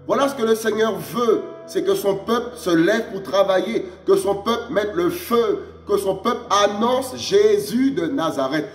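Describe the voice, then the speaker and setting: Emphatic high-voiced French preacher, echoey. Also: male voice. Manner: emphatic, repeats "mes amis" in a low drop; rhetorical questions, rising exclamations. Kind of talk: sermon.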